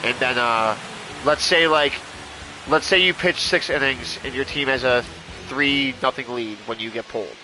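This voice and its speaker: Young male streamer, mid-pitched, excitable and foul-mouthed, over a noisy background. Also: moderate pace. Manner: excitable, swears freely, talks to his chat. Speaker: video game streamer. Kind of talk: casual live-stream chat.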